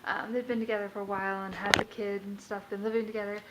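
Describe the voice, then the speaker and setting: Talking fast in a level, medium-pitched voice, a young woman delivers a casual, rambling vlog monologue in her kitchen at home. She's chatty and leans on lots of fillers, and the home recording carries plenty of noise.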